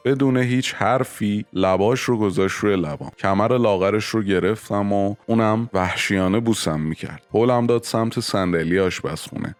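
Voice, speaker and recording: A man reads a first-person confession story in a steady, low-key way. His voice sits very low, and the close recording is dry, with no room around it. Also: no room sound. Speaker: narrator. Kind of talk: scripted story narration.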